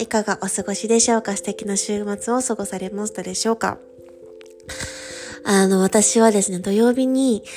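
A woman in her thirties hosting a casual solo radio chat, chatty with many fillers and a light lilt. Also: on the high side. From Japan. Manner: chatty, many fillers, soft laughing asides. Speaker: podcast host, study-abroad coordinator. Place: home in Paris.

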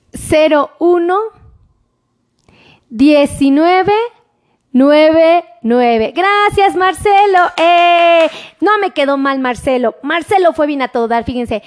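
High-voiced Mexican woman doctor live-streaming. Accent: Mexican Spanish. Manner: chatty, warm thanks to viewers, dictates numbers slowly. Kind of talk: casual live-stream chat with viewers.

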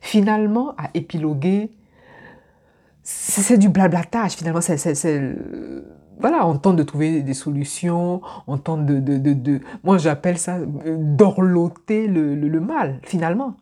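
A woman's voice: sits low, unhurried, warm tone. A woman from Ivory Coast, giving a reflective motivational talk straight to the viewer and often repeating words as she thinks. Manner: reflective, repeats words while searching for them. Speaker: personal development speaker.

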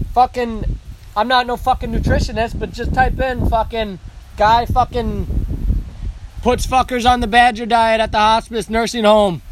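A man's voice: very high voice, a little hiss or hum, poor audio. A man in a comedic rant, insulting and swearing constantly with angry bursts, recorded outdoors. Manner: aggressive, insulting, heavy swearing, shouting bursts.

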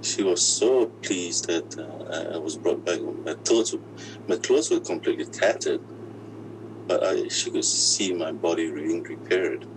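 Man, disguised voice, pitched very deep, interviewee, halting speech, humming noise behind. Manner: halting, often restarts words. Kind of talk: personal account in an interview.

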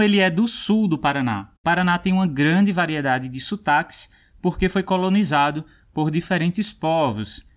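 A man hosting a language lesson, explaining and demonstrating pronunciations clearly. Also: a little high. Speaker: host.

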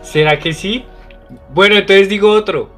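High-voiced man, playful teasing. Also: fairly bright tone, faint music behind. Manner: playful, teasing, quick exclamations. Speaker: podcast co-host running the game. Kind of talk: casual banter.

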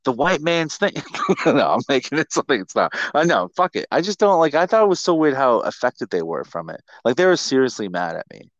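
A middle-aged man hosting a podcast, telling stories casually and comically in a sweary, self-mocking, animated way. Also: mid-range voice, a little fast, dry recording, lo-fi sound. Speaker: podcast host.

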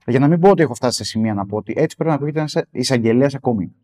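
Brief: male podcast co-host, casual film chat, halting delivery with frequent fillers, pitch that jumps up often, mid-range voice. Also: animated, warm tone.

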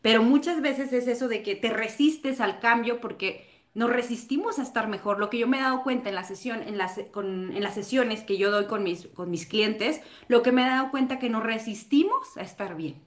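A woman's voice: fairly high pitch, normal speed, reverberant. A woman on a podcast panel who coaches clients in sessions, talking expressively and acting out her own past words. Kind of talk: casual podcast panel talk.

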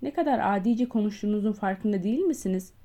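A woman voicing an overwrought older male doctor in an audiobook, shouting and agitated. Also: medium pitch, fast talker, lightly acted. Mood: furious. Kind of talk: audiobook character voice.

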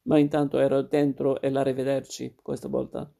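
A man narrating a literary short story in a steady, measured reading. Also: mid-range voice, vocal fry.

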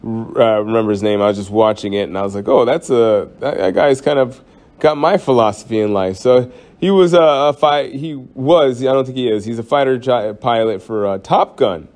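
Speaking at normal speed in a mid-range, slightly mellow voice, a man runs his own podcast alone. The chat is casual and rambling, peppered with jokes, fillers, and restarts.

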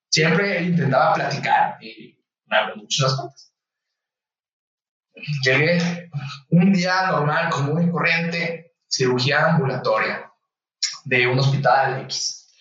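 A young man with a Mexican accent tells a story in a relaxed, animated way and slips into the voices of the people he quotes. His voice sits a bit high. He is off the mic in a very echoey room, and the sound is a little dull. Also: recorded from a distance. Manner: animated, acts out voices in anecdotes. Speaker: guest, medical student. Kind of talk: casual storytelling.

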